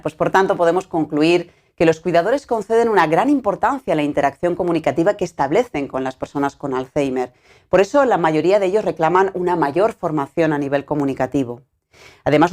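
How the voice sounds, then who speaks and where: A woman giving an academic conference presentation, explaining results in a measured way with frequent filler words. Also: low-pitched, a little mellow.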